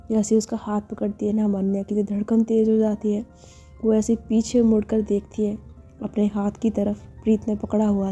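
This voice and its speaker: Woman telling a story, mellow tone. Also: fairly high pitch. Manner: chatty, casual storytelling with filler "na". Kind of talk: spoken story narration. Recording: slightly dull recording, faint music.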